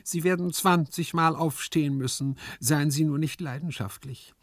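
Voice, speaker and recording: A man voicing a calm, philosophizing male servant with a preachy, mock-solemn manner in a literary reading. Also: a little high, normal speed, no room sound, clean studio sound, pitched above the performer's own voice. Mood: sententious. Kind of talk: literary reading with acted voices.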